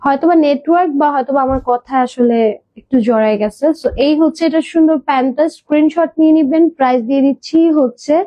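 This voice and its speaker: High-voiced woman selling clothes live. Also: fast talker, dry recording, highs cut off. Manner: chatty, mixes in English words; hesitant fillers, repeats words. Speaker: online clothing seller. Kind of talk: live sales stream.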